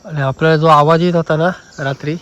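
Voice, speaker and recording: A man with a Marathi Konkan accent, chatting casually to viewers during a night camping vlog in the forest, repeating phrases and often speaking low. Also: steady tone, fast, fairly bright tone, smooth, muffled recording. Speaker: camping vlogger. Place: outdoors at night in a forest by a river.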